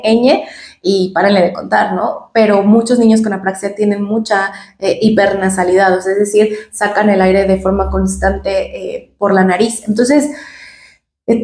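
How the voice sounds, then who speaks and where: A woman's voice: mid-range voice, mellow, roomy sound. A woman speech therapist with a Mexican Spanish accent, giving a patient, explanatory lesson to the camera and demonstrating sounds as she goes.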